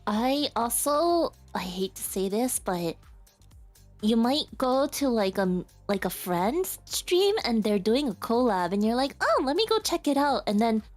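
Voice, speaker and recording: A woman's voice: fairly high pitch, lively intonation, unhurried, darkish tone, soft background music. A woman guest in a casual streamer chat, bubbly and giggly.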